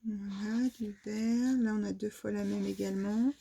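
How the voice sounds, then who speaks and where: A woman's voice: medium pitch, steady tone, moderate pace, gravelly, dark tone, breathy edge. A woman from France presenting her shopping haul in a casual, hesitant way, with many fillers and restarts. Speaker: vlogger showing a shopping haul. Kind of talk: casual show-and-tell haul.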